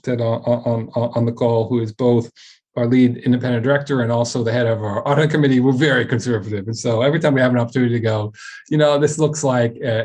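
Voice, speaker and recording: A man with a medium-pitched, darkish voice speaks as a company chairman on a web earnings call. His business presentation is semi-scripted, and he often repeats words and restarts.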